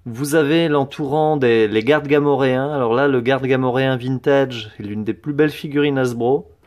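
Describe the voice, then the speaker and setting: A man's voice: mid-range voice, normal speed. A man giving a casual show-and-tell tour of his collection, hesitant, with many fillers and restarts.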